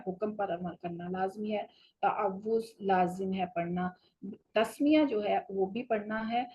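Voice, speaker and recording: A woman teaching a Quran recitation lesson, explaining patiently and slowing down for each recited example. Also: medium pitch, a little mellow, slightly rough, poor audio. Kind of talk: tajweed lesson.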